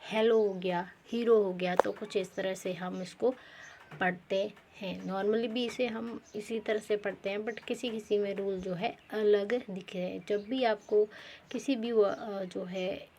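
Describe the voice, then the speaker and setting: A woman teaching pronunciation at a very unhurried pace, her voice sitting at an ordinary middle pitch. She keeps asking and answering her own questions and correcting herself, with a faint hiss behind her. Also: steady tone, darkish tone. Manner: slow, repetitive, quizzes with rhetorical questions; frequent fillers and self-corrections. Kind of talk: explaining pronunciation rules.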